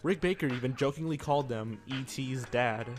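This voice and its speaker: A man giving scripted list-video narration in a steady, wry way. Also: medium pitch, fairly quick.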